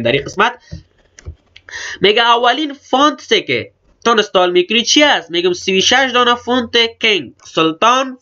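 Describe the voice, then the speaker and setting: A man's voice: high voice, bright, forceful tone. A man with an Afghan Dari accent giving a step-by-step computer tutorial, explaining each click plainly and repeating steps. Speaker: computer instructor. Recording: slightly dull lo-fi recording.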